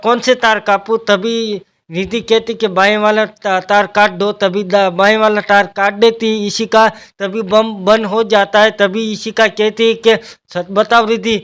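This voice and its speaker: High-voiced man rambling through a recap. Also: a bit bright, clear, resonant tone. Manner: rambling, strings events together with "then". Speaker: TV serial recap narrator. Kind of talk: casual spoken plot recap.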